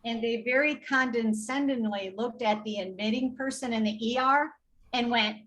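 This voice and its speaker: In poor audio with some background noise, a woman with a fairly high, somewhat bright voice speaks at a moderate pace as a podcast guest. A patient advocate, she indignantly relates a tense hospital encounter, quoting the dialogue from both sides.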